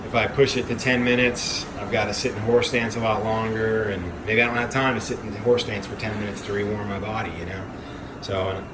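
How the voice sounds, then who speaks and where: Low-voiced man hosting over background noise. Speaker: host guiding an ice bath demonstration. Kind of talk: casual explanatory vlog talk. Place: garage. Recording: clear background noise, humming ambience.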